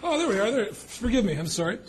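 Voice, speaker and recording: Man, mayor, chairing a council meeting, high-pitched, folksy jokes, formal motions. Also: very animated, fast, slight background noise.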